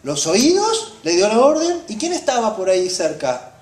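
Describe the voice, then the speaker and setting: A woman preaches, her voice rising and falling widely between ringing exclamations and hushed asides. She questions the congregation as she goes. The sound carries the echo of a roomy church hall. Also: medium pitch, very animated, moderate pace. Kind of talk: sermon.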